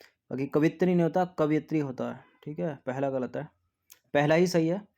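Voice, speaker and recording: A man teaching an exam practice lesson, repeating words to drill spelling, often dropping to a soft low aside after each answer. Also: normal speed, gravelly, muffled recording.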